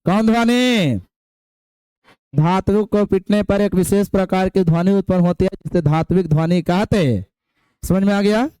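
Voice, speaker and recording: In the middle of a class lecture, a young teacher drills definitions repeatedly and calls on students, adding homely, folksy asides. His high voice is smooth, clear and unhurried with a dark tone, recorded dry with no room echo.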